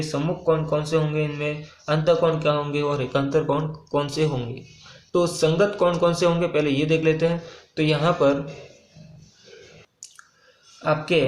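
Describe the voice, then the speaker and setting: A man teaching a maths lesson in a casual, step-by-step way, often asking and answering his own questions and pausing with "uh.". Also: on the high side, echoey room, poor audio. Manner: casual, with frequent "uh" pauses and repeated phrases.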